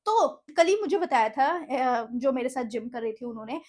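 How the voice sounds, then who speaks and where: A young woman tells a storytime vlog in a very high, bright-sounding voice. She retells an argument with emphatic indignation and mixes English words into her talk. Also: lively intonation, normal speed. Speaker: vlogger.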